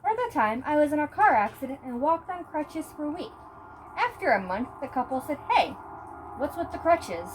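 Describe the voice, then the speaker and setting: A woman's voice: high-pitched, big pitch swings, a little fast, a little hiss or hum, low-quality recording. A woman host reading a scripted short story aloud. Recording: music behind the voice.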